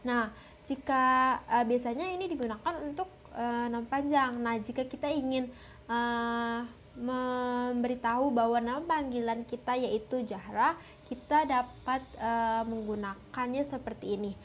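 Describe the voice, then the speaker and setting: A young woman from West Java explaining a language lesson, often pausing with filler sounds. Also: on the high side, slight background noise. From West Java, Indonesia. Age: young adult. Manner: hesitant, many filler sounds. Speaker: language teacher.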